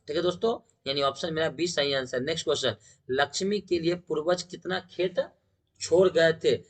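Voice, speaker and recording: Bright-voiced Bihari Hindi teacher. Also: male voice, a little high. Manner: repeats each answer as a question to the viewers. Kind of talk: exam question walkthrough.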